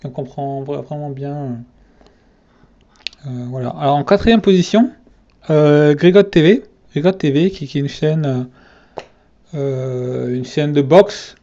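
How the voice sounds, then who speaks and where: Guy rambling casually, lots of ums and restarts, kinda dark voice, lo-fi sound. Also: on the high side, fairly even intonation, slow, long pauses. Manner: hesitant, many fillers and restarts. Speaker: fitness channel reviewer. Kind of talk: casual ranking vlog.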